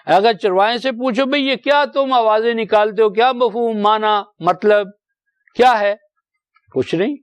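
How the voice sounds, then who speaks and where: A Quran teacher from Pakistan in his seventies delivers a commentary lecture in a high, thin voice with a clear, resonant tone. He explains each word patiently, keeps asking rhetorical questions, and draws out verses in slow recitation. The recording is dry and close, with no room sound around it.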